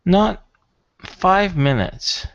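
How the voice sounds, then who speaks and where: A man's voice: high voice, lively intonation, very slow, creaky, dry recording, lo-fi sound. A man narrating a tabletop role-playing game as game master in a conversational, improvised way.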